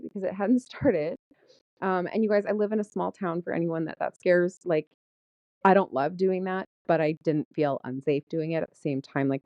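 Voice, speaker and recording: A woman in her thirties, a vlogger telling a story in casual chat, animated and laughing often as she talks. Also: lowish voice, no room sound, highs cut off.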